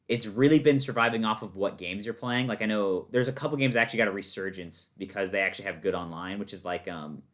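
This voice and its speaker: A young American guy, a fighting game player on a podcast as a guest, talks in a lowish voice at a quick clip with hardly any pauses. His explanations are casual and rambling, packed with filler words.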